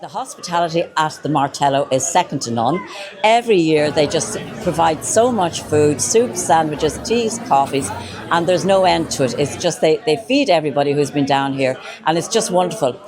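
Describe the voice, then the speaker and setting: A woman's voice: low voice, animated, normal speed. A woman, an event organiser giving an interview on location outdoors. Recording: outdoors with busy crowd behind.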